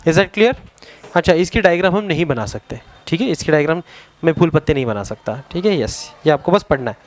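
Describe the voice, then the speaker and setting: A man with an Indian accent teaching a science lesson to a class, mixing two languages, pausing to search for words. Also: a little high, expressive. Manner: explains in a Hindi and English mix, spells words out; halting, searches for words with many fillers.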